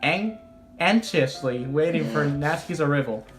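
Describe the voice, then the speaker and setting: A young woman hosting a let's play, reading a game aloud with friends in an animated, joking way. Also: low-pitched, normal speed, music in the background.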